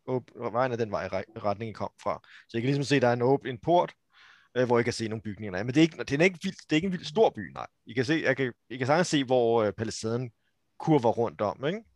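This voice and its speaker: A man's voice: medium pitch, lively intonation, darkish tone, no echo. A man running a tabletop role-playing game, describing the scene with many hesitations and restarts. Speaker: game master.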